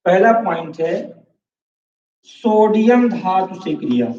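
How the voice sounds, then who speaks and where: Male chemistry teacher, lecturing step by step with constant check-ins; high voice, roomy echo. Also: big pitch swings, takes it slowly, darkish tone. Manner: explains step by step, checking in with "है ना" and "ठीक है"; asks the class questions and answers them himself. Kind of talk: classroom lecture. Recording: echoey room, distant mic, dull lo-fi sound.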